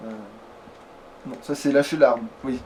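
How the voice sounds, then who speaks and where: A man hosts and plays through a let's play video, offering casual commentary that rambles, stays playful, and slips into the occasional swear word. His voice is medium-pitched, steady, and dark, with an unhurried pace. The audio quality is poor, with slight background noise.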